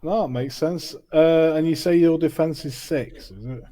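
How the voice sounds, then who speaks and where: A man running a tabletop role-playing game as game master, explaining rules at an unhurried pace with many fillers. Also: fairly high pitch, dark tone.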